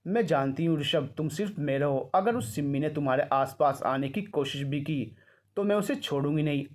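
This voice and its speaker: A jealous young fiancée, sharp and suspicious, her voice lifted high, as a male storyteller puts her on. She warns off a rival in a storybook reading. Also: normal speed, natural voice.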